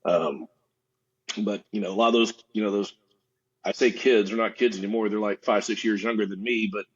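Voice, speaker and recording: Podcast guest, man, very low and husky voice, easygoing delivery, muffled lo-fi recording. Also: fairly quick. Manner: relaxed, easygoing, lots of "you know". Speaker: festival co-owner, guest. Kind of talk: casual interview chat.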